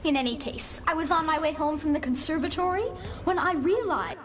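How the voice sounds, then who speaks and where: A woman's voice: high voice, brisk, a crowd in the background, close to an everyday voice. A woman playing a snobby, haughty teen girl. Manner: haughty, condescending. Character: snobby teenage girl friend.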